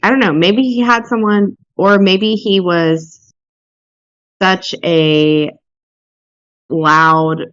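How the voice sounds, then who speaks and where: A woman hosting a casual true crime podcast chat, blunt and quick to swear. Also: fairly low pitch, fairly even intonation, a bit bright, no room sound, highs cut off. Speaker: podcast host.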